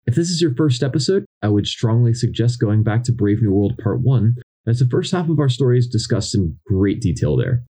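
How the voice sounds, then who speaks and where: A man's voice: medium pitch, sing-song, fairly quick, mellow, husky. A young man co-hosting a podcast about a book, tossing in dry, sarcastic quips. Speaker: podcast co-host. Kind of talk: casual book discussion.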